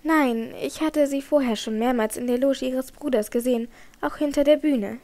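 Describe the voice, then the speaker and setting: A woman's voice: high-pitched, moderate pace, dark tone. A woman voicing a troubled young female opera singer in an audiobook, tense and evasive. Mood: tense defensive. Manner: tense, trembling, icy at times. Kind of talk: audiobook character reading.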